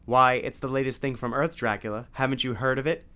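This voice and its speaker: A man's voice: medium pitch, steady tone, fairly quick, bright, forceful tone, clear, resonant tone, natural voice. A man voicing a cocky, wisecracking teenage boy who jokes brashly.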